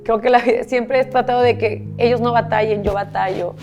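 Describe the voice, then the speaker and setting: Candid Mexican woman, higher voice. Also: fairly even intonation, fairly quick, muffled recording, music in the background. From Monterrey, Mexico. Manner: candid, repetitive, swears casually. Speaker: guest. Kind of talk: emotional personal storytelling.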